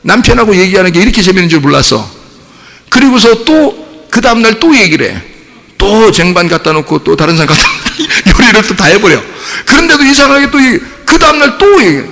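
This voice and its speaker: Guy pastor preaching, gravelly bright voice, big swings up and down, long church reverb. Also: high-pitched, brisk. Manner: animated, acts out little scenes and voices. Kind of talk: sermon. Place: church sanctuary.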